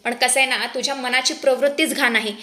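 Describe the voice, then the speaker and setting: A woman's voice: sits high, steady tone, quick pace, bright, forceful tone. A woman reading out the lines of an angry son-in-law in a family drama recap, with a stern, scolding manner. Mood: furious.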